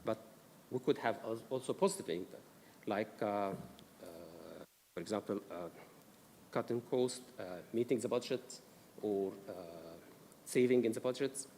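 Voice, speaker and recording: In a council meeting room, an Egyptian man with an Egyptian accent explains risk management carefully in a workshop, his speech full of "uh" fillers and frequent pauses. His warm, fairly low voice keeps a normal pace. The recording comes from a distant mic in a reverberant, noisy room.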